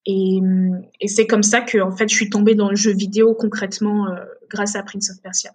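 A woman's voice: mid-range voice, level tone, brisk, darkish tone, slightly rough. Woman, late twenties, from Togo and Benin; hesitant podcast guest who restarts her sentences often. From Togo, raised in Benin. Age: late 20s. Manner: hesitant, many fillers and restarts. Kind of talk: casual podcast interview.

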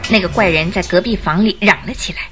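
With music running underneath, a fast-talking woman with a lowish, slightly rough voice narrates a radio detective story. Her delivery is dramatic, expressive and full of suspense.

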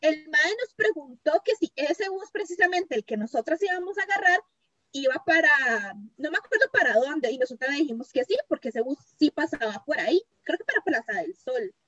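A young woman with a Costa Rican accent tells a story in a lively, slangy way. Her voice is high. The recording is dry and somewhat muffled. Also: fairly quick, dry recording. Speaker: co-host. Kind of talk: casual chat storytelling. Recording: dull, dry sound.

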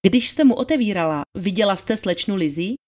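A woman's voice: mid-range voice, animated, darkish tone, lightly acted. A woman voicing a stern male courtroom attorney. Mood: probing. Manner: measured, probing, formal. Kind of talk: dramatized trial testimony reading.

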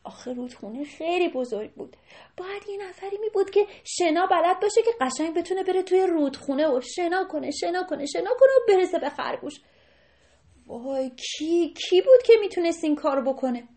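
A woman tells a story to children in a high yet soft, mellow voice. She's animated and often turns to speak directly to her young listeners.

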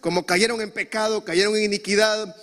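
A man's voice: high voice, fairly even intonation, brisk, a bit bright, big-room sound. A young male pastor preaching a sermon with animation, leading the congregation in call-and-response. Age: young adult.

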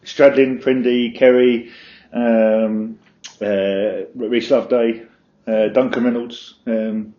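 A man's voice: medium pitch, little pitch movement, takes it slowly. A jovial man from Wales hosting a casual chat. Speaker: host. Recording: echoey room, dull lo-fi sound.

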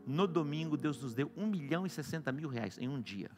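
A Brazilian man preaching a sermon, swinging between loud exclamations and soft hushed lines. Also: a little high, expressive, a little fast, over music. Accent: Brazilian Portuguese. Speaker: apostle preaching.

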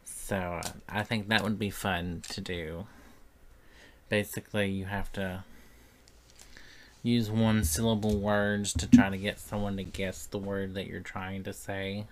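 Slow-talking man. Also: low voice, flat delivery, slight background noise. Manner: slow, rambling, dry joking. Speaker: podcast co-host. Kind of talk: casual podcast chat.

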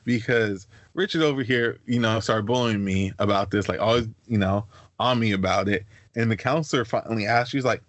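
Young guy on a podcast, chatty storyteller, does high silly voices for people, dry close mic. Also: a little fast, dry recording. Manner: animated storyteller, acts out voices in high pitch. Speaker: podcast co-host. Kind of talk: casual chat.

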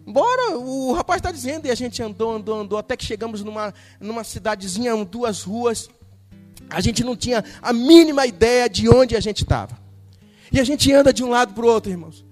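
Brief: Brazilian male pastor, very high voice, animated sermon storytelling, soft guitar underneath. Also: a little fast, long reverb tail. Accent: Brazilian Portuguese. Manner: animated storytelling, acting out dialogue.

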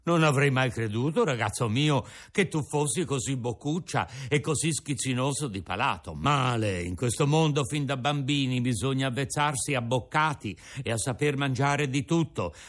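A man voicing a patient, kindly old carpenter father who moralizes calmly. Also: mid-range voice, natural voice. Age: older. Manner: calm, slow, moralizing.

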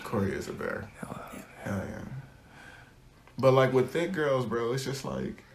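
Male co-host, easygoing slang, swings his pitch a lot, loose banter. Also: very animated, measured pace, gravelly, noisy background. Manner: laid-back, slangy, jokey. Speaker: podcast co-host. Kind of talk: casual chat.

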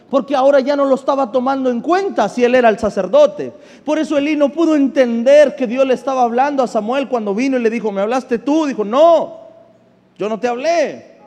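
A man's voice: very high-pitched, darkish tone. A male pastor preaching a sermon, reading scripture verse by verse and asking the congregation questions that he answers himself. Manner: calls for congregational response. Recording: long reverb with faint music behind.

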